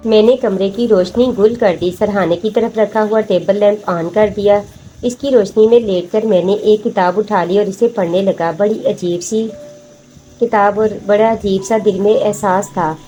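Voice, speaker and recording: A woman narrates a horror story in a steady, measured way. Her voice is mellow and warm, sitting at an ordinary pitch. Faint music plays softly behind her. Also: highs cut off.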